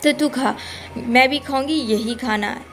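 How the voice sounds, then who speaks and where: Lady doing a bossy old mother-in-law, high and loud, nagging. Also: a little slow, faint music behind. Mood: scolding.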